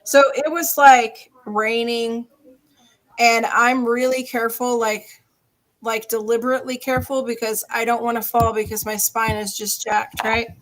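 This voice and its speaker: A woman hosting a casual group call, telling a story in an animated, chatty way with quick asides. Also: fairly high pitch. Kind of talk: casual chat.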